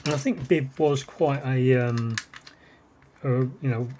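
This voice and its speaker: With a slow pace and medium pitch, a British man chats casually over a noisy background, showing vintage cassette gear on his vlog. He rambles and muses aloud without any script.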